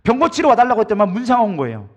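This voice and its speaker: Male pastor preaching fast, pitch kinda high, keeps firing rhetorical questions. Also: huge pitch swings. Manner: emphatic, asks the congregation many rhetorical questions. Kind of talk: sermon.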